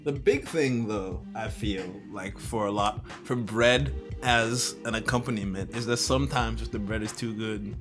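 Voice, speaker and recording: A young man co-hosting a podcast, telling animated stories in a loose, casual chat full of "like" and "literally". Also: on the low side, normal speed, hardly any pauses, over music. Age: young adult. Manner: animated storytelling, frequent "like" and "literally". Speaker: podcast co-host.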